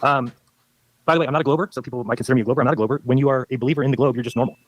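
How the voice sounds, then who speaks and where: Debater: man, very fast insistent delivery, mid pitch, dry sound. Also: steady tone, dry recording, rough recording. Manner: rapid, insistent, lecturing. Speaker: debater in a played debate video. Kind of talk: debate argument.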